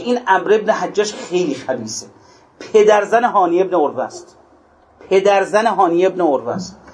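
A male preacher giving an impassioned mourning sermon, rising to exclamations and then dropping low. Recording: echoey hall.

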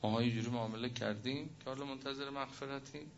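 A man preaching a religious sermon, telling a story with passion, his voice swinging between loud and hushed. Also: mid-range voice, fairly even intonation. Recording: muffled recording with faint noise.

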